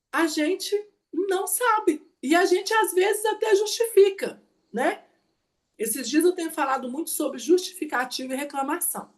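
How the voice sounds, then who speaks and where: A lively woman with a high voice teaches an online class as a mentor, mixing in personal stories. She's animated and chatty, frequently checking in with the audience by asking "né, gente?"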